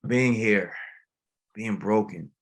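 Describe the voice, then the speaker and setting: In a dramatic table read, an actor voices a gentle pastor and widowed father who is grieving. His low-leaning male voice sounds earnest and compassionate as he speaks plainly, reflectively and haltingly.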